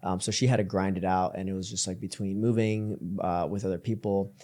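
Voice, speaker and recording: A man's voice: sits low, fairly quick. Man chatting loosely, full of filler words. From Colombia. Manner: relaxed, full of fillers and restarts. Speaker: podcast guest, creative entrepreneur. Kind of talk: casual interview chat.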